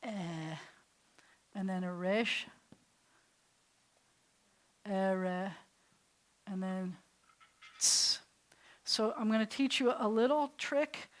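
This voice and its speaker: Sounding words out slowly and often restarting what she's saying, a woman rabbi with a mid-range voice runs a chatty, informal Hebrew class for beginners. The setting is a classroom or congregation hall.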